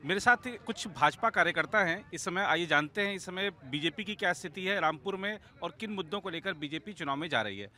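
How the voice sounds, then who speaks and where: A man's voice: sits high, lively intonation, a little fast, few pauses, sharp tone. A male reporter interviewing party workers outdoors on a street, prompting them with short replies. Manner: keeps saying "ji" to prompt.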